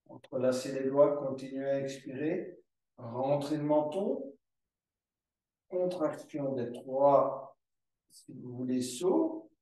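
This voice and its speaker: A man teaching a yoga class, calling out poses and breath cues in slow, drawn-out repetitions. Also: mid-range voice, warm tone. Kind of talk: guided yoga class instruction. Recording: very echoey room, voice from far off the mic.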